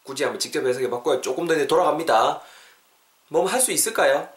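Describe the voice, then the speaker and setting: A man's voice: a little high, lively intonation. Chatty encouraging man teaching English. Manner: chatty and encouraging, drills phrases slowly. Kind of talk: language lesson podcast. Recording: roomy echo.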